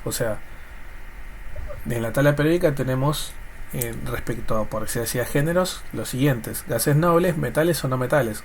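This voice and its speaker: A man with a Rioplatense accent and a congested, snotty nose, teaching informally in a colloquial, jokey way. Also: mid-range voice. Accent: Rioplatense Spanish. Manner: colloquial, jokey, voices students' questions and answers them. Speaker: chemistry teacher. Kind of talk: informal recorded lesson. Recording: clear background noise. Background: noise.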